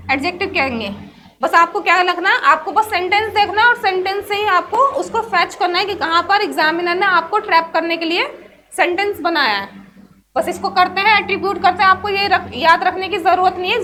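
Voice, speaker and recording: A woman's voice: very high voice, sharp tone, a little hiss or hum. A woman teaching English grammar in a chatty class lesson, often asking herself questions and answering them. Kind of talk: explanatory class lesson mixing Hindi and English.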